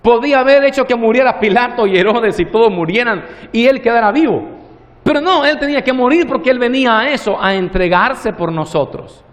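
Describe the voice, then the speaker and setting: A man preaching a sermon as pastor, slowing down on key words and acting out the characters' lines in a story. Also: very high voice, lively intonation, big-room sound. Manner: preaching with long slow pauses, acting out the parable's dialogue.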